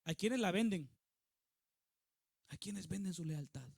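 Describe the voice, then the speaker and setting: A male pastor preaches with emphasis and keeps turning to his listeners with questions. His voice sits high for a man. The recording is dry and close, with no room echo. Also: animated, measured pace, creaky. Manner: emphatic, asks the congregation questions. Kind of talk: sermon.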